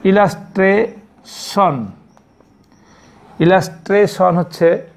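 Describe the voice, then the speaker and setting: A male primary school teacher with a Bangladeshi accent, giving a slow classroom lesson and spelling out words letter by letter. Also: high-pitched, steady tone, gravelly. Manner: spells words letter by letter, repeats each meaning several times.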